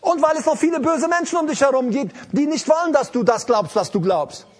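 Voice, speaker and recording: A man's voice: very high-pitched, animated, brisk. A man preaching an emphatic sermon to a congregation and repeating his key lines. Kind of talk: live sermon.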